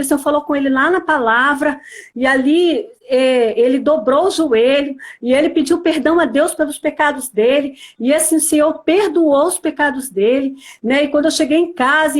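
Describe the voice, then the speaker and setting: A woman with a Brazilian Portuguese accent from Espírito Santo, earnestly telling her religious testimony with many small fillers. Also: high-pitched. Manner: earnest storytelling, filled with "né, assim". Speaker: church member giving testimony.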